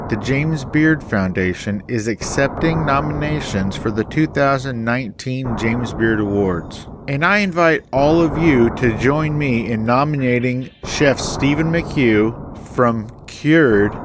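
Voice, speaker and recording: A man's voice: mid-range voice, background noise. A man hosting a podcast, talking casually to his listeners and calling them guys. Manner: breezy, addresses listeners as guys. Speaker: podcast host. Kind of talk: casual podcast chat and ad reads.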